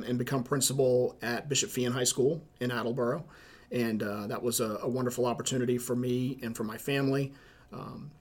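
On a podcast, a Charleston-born principal in middle age responds to interview questions with care. His Southern accent from South Carolina is clear, and he leans on plenty of ums and uhs.

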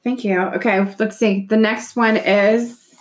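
A woman's voice: medium pitch, fairly even intonation, measured pace. A woman co-hosting a casual chat in a playful, teasing way.

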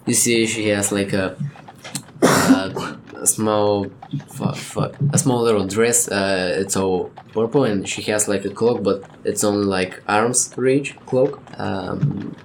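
A man narrating a tabletop game as game master, halting with many fillers, laughing often and swearing casually. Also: on the low side, fairly even intonation, gravelly, noisy background.

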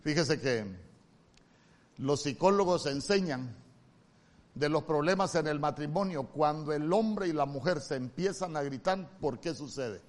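Honduran pastor preaching with big swings. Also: male voice, on the high side, a little slow. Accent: Honduran Spanish. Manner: swings from loud emphatic calls to soft near-whispered lines. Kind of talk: sermon.

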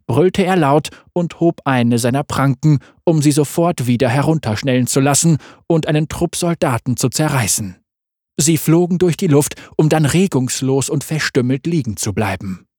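Husky man reading a story. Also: medium pitch, expressive, normal speed, a little mellow, dry recording, clean studio sound. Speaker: narrator.

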